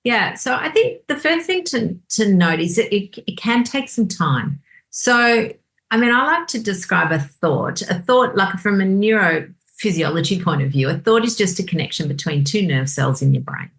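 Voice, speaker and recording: A woman, a doctor on a podcast, explaining in a lively chatty way and acting out inner voices. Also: mid-range voice, moderate pace. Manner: animated, acts out inner voices. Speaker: doctor guest. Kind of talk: casual podcast conversation.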